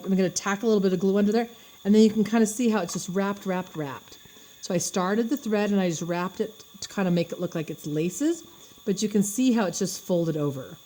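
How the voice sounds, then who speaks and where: A woman's voice: medium pitch, dark tone. A woman giving a step-by-step craft demonstration, chatting and thinking aloud as she works with her hands. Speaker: craft instructor.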